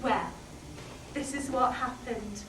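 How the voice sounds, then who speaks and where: A British woman playing a chatty, candid middle-aged housewife in a solo comic monologue, swinging from hushed asides to loud outbursts. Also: on the high side, fairly even intonation, slow. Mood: wry. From Britain. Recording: roomy, distant mic, faint background noise.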